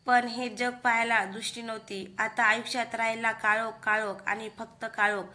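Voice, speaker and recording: A woman's voice: on the high side, level tone, moderate pace, bright, forceful tone. A woman narrating a horror story in a dramatic, emphatic way.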